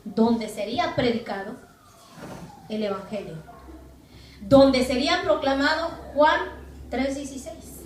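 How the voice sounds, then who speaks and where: A woman's voice: sits high, unhurried, long pauses, a little hiss or hum. A woman pastor preaching a sermon emphatically, asking rhetorical questions and acting out what people say. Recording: echoey room, far from the mic.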